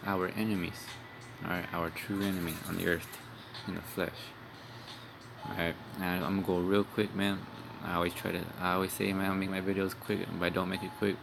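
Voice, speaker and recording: A young street preacher delivers an informal, rambling video sermon, cursing bluntly and ending lines with "man" and "all right." His low, fairly quick voice is flat and carries vocal fry. Music plays behind him, and there is background noise.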